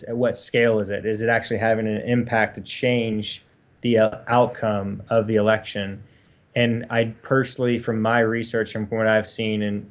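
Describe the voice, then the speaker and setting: A man's voice: fairly low pitch, creaky, lo-fi sound. A man co-hosting a casual livestream chat, rambling earnestly with many fillers. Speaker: co-host.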